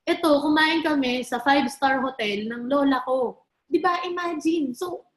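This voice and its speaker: Woman around 30 doing a motivational talk, high voice, keeps asking the crowd stuff, echoey hall. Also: a little slow. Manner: chatty storytelling, mixing in English, asks the crowd questions. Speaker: network marketing speaker. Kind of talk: motivational stage talk to an audience.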